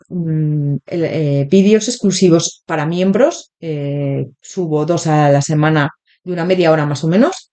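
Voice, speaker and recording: A woman with a Spain Spanish accent hosts an interactive tarot reading on her channel, speaking straight to viewers. Her throat is still sore from a cold, and she chats with lots of filler pauses in a fairly low, darkish voice.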